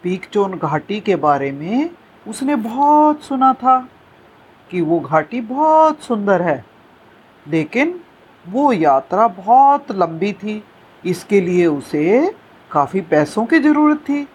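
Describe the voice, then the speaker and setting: Slow, lively, husky-voiced woman storyteller. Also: medium pitch. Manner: lively, expressive, slow-paced telling. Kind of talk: storytelling narration.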